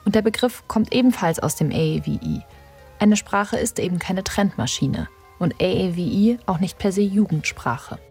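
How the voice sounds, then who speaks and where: A woman reporter reading a scripted radio feature in a measured, explanatory way. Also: on the low side, expressive, a little mellow, husky, faint music behind.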